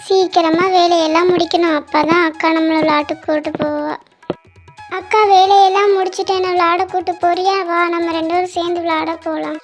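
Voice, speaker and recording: Sweet, pleading little sister, very high child voice, acted by a woman for a cartoon story. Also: little pitch movement, brisk, faint music behind. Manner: pleading, tearful. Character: young girl, pleading gentle little sister.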